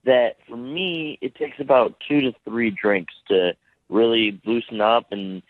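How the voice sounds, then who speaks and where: Slow-talking male caller on a phone line. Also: medium pitch, no room sound. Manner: slow, hesitant storytelling. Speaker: radio caller. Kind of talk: phone-in chat.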